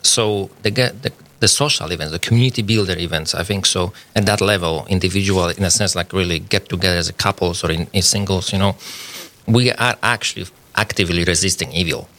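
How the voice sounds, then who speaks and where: A Polish scientist in his forties, speaking English as a second language, appears as an earnest radio guest in a studio conversation. His low voice is brisk, pushed, and bright, and he searches for words with non-native phrasing.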